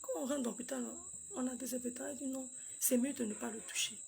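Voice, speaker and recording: High gravelly-voiced mother telling a painful story. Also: darkish tone, a little hiss or hum. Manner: halting and repetitive, acts out dialogue. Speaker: grieving mother recounting a loss. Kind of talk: emotional personal storytelling.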